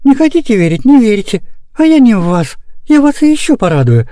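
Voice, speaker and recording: Give me a man playing a proud old peasant nanny, folksy and solemn, pitched high. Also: sing-song, a little fast, mellow, no room sound, studio quality. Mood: jubilant.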